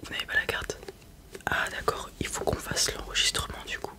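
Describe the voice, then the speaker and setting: A person doing a whispered role-play as a polite, helpful librarian, in a breathy, unvoiced whisper close to the microphone. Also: normal speed. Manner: polite, helpful customer-service patter. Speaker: ASMR performer playing a librarian.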